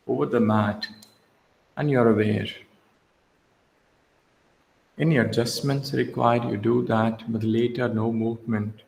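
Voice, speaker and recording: A yoga nidra instructor guides a meditation in a slow, low, darkish voice with vocal fry. He speaks in measured, short instructive phrases separated by long pauses, and the echoey, reverberant room carries a faint background hiss.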